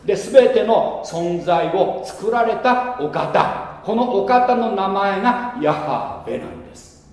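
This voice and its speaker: A male pastor delivers a sermon with a fairly high, animated voice that leaps up and drops away. He keeps tossing rhetorical questions to the congregation between casual asides, and his words ring through a large, echoey hall with a long reverb tail. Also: takes it slowly.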